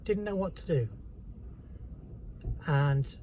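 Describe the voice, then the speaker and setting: Halting, candid man, mellow voice. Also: on the high side, animated, a little hiss or hum, poor audio. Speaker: vlogger. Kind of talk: personal storytelling to camera.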